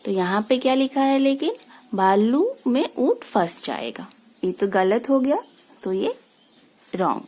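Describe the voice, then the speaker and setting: A woman teacher, slowly talking young children through a school exercise and asking them easy questions along the way. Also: on the high side, sing-song, darkish tone. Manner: slow, patient explaining with many rhetorical questions. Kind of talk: recorded lesson for young children.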